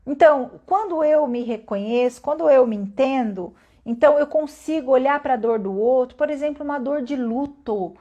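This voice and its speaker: Calm, high-voiced woman teaching. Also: dull audio. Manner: calm, unhurried, stops often to ask the listener questions. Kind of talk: reflective spoken lesson.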